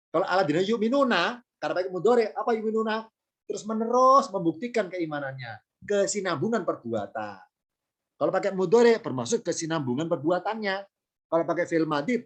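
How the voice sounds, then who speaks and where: A man with an Indonesian accent giving an online lesson on Quranic Arabic grammar, posing questions and answering them himself, with light jokes. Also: high voice. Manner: explanatory, asks and answers his own questions, light joking. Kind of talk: online lecture.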